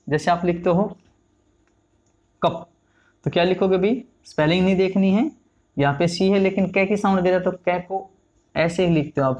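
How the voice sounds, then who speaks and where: A man, teaching English pronunciation, repeating example words slowly. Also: fairly high pitch. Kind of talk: classroom lesson.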